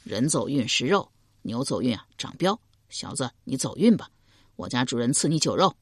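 A cheeky, uneducated male house servant in a historical audiobook, brash and bossy, as a woman narrator puts him on. The voice drops low and a little quieter, rattling off lines quickly with a slightly husky edge. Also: sing-song, no echo, clean studio sound, full character voice. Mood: mocking.

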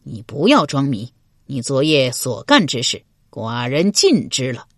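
A suspicious, jealous lord of middle age, as a woman narrator puts him on, his voice pushed low and kept quiet. He speaks coldly and slowly, sneering, recorded close and dry. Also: sing-song, no room sound, heavily acted. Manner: cold and sneering, slow and deliberate. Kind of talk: Chinese historical novel reading.

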